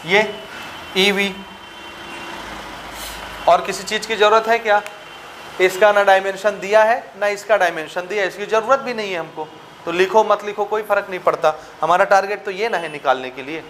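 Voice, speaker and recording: Man, maths teacher, high-pitched, explains step by step, checks understanding often, faint background hiss. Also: moderate pace, long pauses, a bit bright. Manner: keeps checking if students follow, switches into English for terms. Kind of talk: blackboard-style maths lesson.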